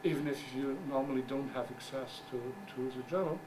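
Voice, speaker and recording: Searching for his English words, a middle-aged journal editor with German as his first language gives a halting conference talk at a normal middle pitch. He is heard from a distance in a conference room, steady background noise running throughout.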